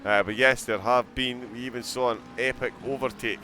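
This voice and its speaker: A man's voice: mid-range voice, steady tone, moderate pace, sharp tone, faint music behind. A man commentating a live sim-racing broadcast, chatting and giggling as he reacts to viewers' chat between race calls.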